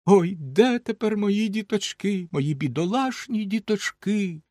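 A man reading a fairy tale aloud, voicing a grieving peasant mother who laments her lost children in a high, tearful voice. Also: animated, a little slow, a little mellow, no room sound, clean studio sound. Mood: wailing. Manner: lamenting, sobbing cries. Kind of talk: storybook reading.

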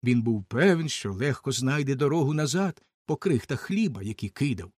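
A man narrating a fairy tale aloud in an expressive, lively reading style. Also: medium pitch, moderate pace, dry recording, studio quality. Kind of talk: storybook narration.

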